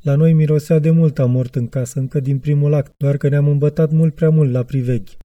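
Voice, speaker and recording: A man reading the lines of a gruff, drunk middle-aged tavern owner who tells dark, philosophical stories. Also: on the high side, fairly even intonation, no echo, narrow, tinny audio, lightly acted. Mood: brooding. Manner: slurred, philosophical storytelling.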